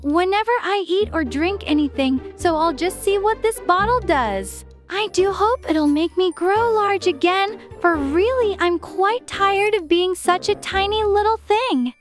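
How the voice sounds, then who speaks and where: A man's voice: very high-pitched, measured pace, hardly any pauses, a bit bright, soft background music, voice pushed up. A man voicing Alice, a curious, polite little girl who chatters to herself in a prim, wondering way.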